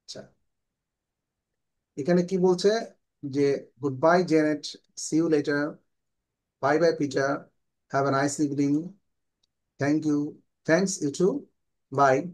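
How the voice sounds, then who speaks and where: A man with a Bangladeshi accent teaching an online English class, explaining in Bengali and slowly modelling English phrases. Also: a little high, steady tone.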